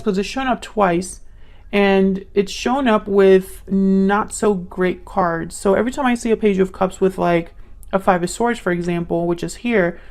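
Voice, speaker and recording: Brief: young female tarot reader, casual and musing, some vocal fry. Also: medium pitch, a little mellow. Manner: musing, thinks aloud while pulling cards.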